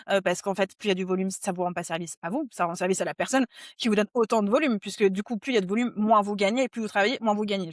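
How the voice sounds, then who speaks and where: Woman host, mid pitch, dry and close to the mic. Chatty and slangy. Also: no echo. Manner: chatty, uses youthful slang. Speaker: podcast host. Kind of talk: casual conversational interview.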